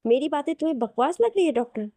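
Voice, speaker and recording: A woman's voice: high voice, lively intonation, fast, mellow, no echo, pitched above the performer's own voice. A woman voicing a young husband who is jealous and insistent, pleading with his estranged wife.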